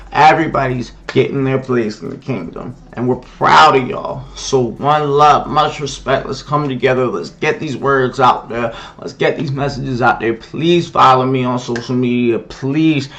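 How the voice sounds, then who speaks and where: A man's voice: mid-range voice, unhurried. A man hosting a solo livestream, talking in an impassioned, preachy way and often repeating "okay?" to make his point. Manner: shouts at someone off-mic. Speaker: livestream host.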